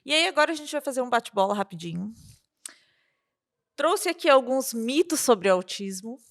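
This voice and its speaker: A woman's voice: fairly high pitch, lively intonation, normal speed, a bit bright. A woman hosting an interview, leading her guests through questions in a friendly manner. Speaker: host.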